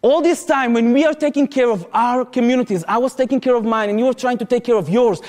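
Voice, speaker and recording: A man's voice: very high voice, fast, darkish tone. Impassioned Israeli man lecturing in a hall. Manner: impassioned storytelling, urgent warnings. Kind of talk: public lecture. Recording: echoey hall with long reverb.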